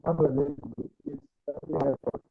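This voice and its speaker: A man's voice: a little high, sing-song, measured pace, creaky, slight background noise. A man teaching an online class over a call that keeps dropping out, hesitant and repeating himself with many fillers. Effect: call dropping out, choppy breaking line. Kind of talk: casual online lesson. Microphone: video call. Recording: dry, tinny phone-like call line.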